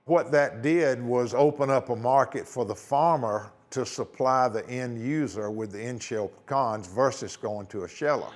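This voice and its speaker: A man's voice: mid-range voice, moderate pace, few pauses. A married man who farms pecans, explaining in an interview with a dry, joking touch. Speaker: pecan farmer. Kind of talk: interview sound bite.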